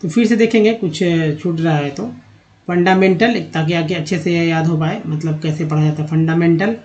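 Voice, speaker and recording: A man teaching English reading in an online lesson, explaining letters and sounding out words slowly one by one while addressing viewers as friends. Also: a little high, fairly even intonation, a little mellow, muffled recording. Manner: slow, drawn-out word-by-word pronunciation drills.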